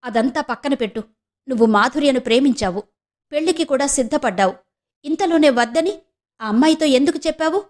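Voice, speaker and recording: A woman voicing a stern, proud middle-aged mother who scolds her son with sharp questions. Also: high voice, animated, fairly quick, voice pushed up. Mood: scolding.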